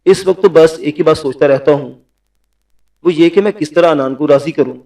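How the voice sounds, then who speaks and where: Soft-spoken forgiving nobleman read by a man in his own voice, mellow, set back from the mic. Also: on the high side, far from the mic, close to an everyday voice, low-quality recording. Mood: calm. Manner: gentle, soothing.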